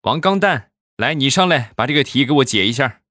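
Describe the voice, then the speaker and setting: A man's voice: mid-range voice, lively intonation, brisk, bright, forceful tone, slight background noise, pitched above the performer's own voice. A man voicing a cheeky schoolboy who talks in a cocky, composed way. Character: cheeky schoolboy acting cool.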